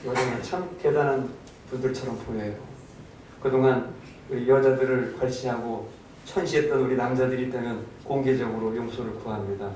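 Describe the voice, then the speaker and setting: A man's voice: fairly even intonation, fairly quick, darkish tone. A male pastor telling a story in a sermon, acting out quoted lines and asking the congregation questions. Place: church sanctuary. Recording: echoey hall, distant mic, faint rumble.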